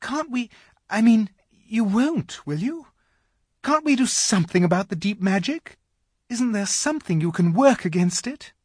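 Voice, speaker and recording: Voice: medium pitch, lively intonation, a little slow, a little mellow, husky, no echo, clean studio sound, pitched above the performer's own voice. A reader voicing an anxious young girl who stumbles as she pleads. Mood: pleading. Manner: hesitant, pleading.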